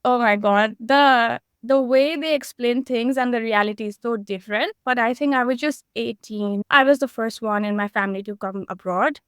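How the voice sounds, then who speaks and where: A young woman from Nepal speaks in an earnest, encouraging way, now and then in quick bursts. Her voice sits a little high and sounds smooth and clean. The sound is dry and close. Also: no echo. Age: 20s. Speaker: guest. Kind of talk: conversational interview answers.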